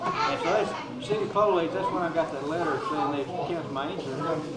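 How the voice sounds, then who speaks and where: A man's voice: fairly high pitch, a little fast. A man telling a rambling family story, laughing at his own tale, heard off an old VHS home video tape. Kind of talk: casual storytelling. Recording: echoey room, noisy crowd, old VHS tape.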